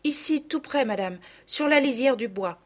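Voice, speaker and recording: A woman's voice: high voice, animated, moderate pace, voice pushed up. A woman voicing a poor, frail little girl who speaks meekly and politely in a storybook reading. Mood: meek, pleading. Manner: meek and polite.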